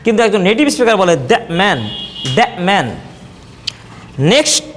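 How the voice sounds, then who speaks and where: A man with a Bangladeshi accent teaching a spoken English lesson, slowly repeating example words to contrast how they are pronounced. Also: high-pitched, expressive, a bit bright, a little hiss or hum. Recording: long reverb.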